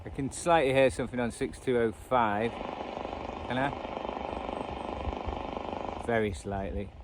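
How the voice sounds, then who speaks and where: This hobbyist host, a radio enthusiast who makes videos, speaks at a measured pace in a mid-range voice. His casual, unscripted commentary is rambling and self-deprecating, recorded outdoors amid radio static and traffic noise.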